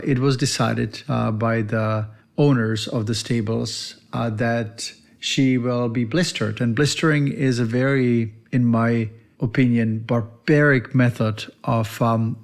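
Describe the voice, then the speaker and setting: A man's voice: medium pitch, vocal fry. A man, a veterinarian hosting his own podcast, earnestly telling his life story in a reflective monologue. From Czech Republic. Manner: earnest and reflective, with some non-native phrasing.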